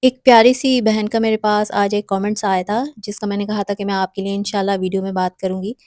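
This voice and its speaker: A woman's voice: mid-range voice, level tone, darkish tone, no echo, studio quality. A woman hosting a parenting advice talk, speaking earnestly and instructively straight to mothers. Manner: earnest, instructive, addresses viewers directly.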